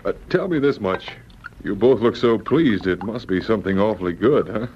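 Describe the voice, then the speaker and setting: Man playing Sergeant Preston, steady Mountie, muffled recording. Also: fairly low pitch, normal speed, natural voice. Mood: genial, curious. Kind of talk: old-time radio drama acting. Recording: muffled, noisy old radio recording.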